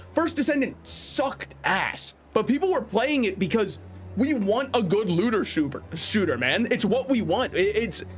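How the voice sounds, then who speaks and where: Casting: male game streamer, high voice, opinionated and jokey, chatting casually over faint music. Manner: joking, opinionated, conversational, swears. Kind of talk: casual live-stream commentary.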